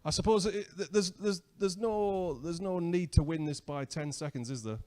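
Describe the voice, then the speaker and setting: A man's voice: high voice, moderate pace, darkish tone. A man with a British accent doing live race commentary, chatty and asking his co-commentator questions. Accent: British English.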